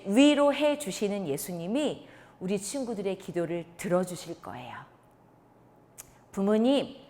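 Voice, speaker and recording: A woman preacher telling a Bible story to young children in an animated, sing-song way and acting out the characters' lines. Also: medium pitch, in a large hall. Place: church.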